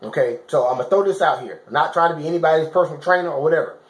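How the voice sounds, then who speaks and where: Higher-voiced man coaching in an echoey room. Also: very fast. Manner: emphatic, repetitive coaching with frequent check-in questions; colloquial, informal phrasing. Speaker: fitness challenge vlogger giving advice. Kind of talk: casual motivational talk to camera. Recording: roomy, echoing sound.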